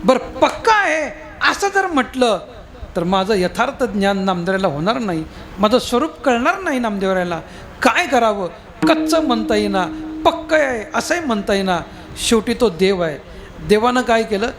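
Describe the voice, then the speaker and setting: A man's voice: sits high, very animated, moderate pace, a bit bright. A man performing a devotional kirtan, telling a story with rhetorical questions to the crowd. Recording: tabla music behind. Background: tabla and instruments.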